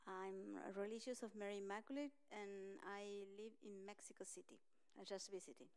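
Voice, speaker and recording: Composed nun. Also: female voice, mid-range voice, steady tone, normal speed, a little mellow. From Uruguay. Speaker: religious sister. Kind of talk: self-introduction at a meeting.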